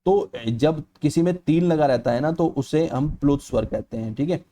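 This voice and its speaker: Man teaching with a mellow voice. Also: on the high side, moderate pace. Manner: explanatory, repeats "ठीक है" often; stretches vowels aloud to demonstrate. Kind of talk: exam-prep lecture.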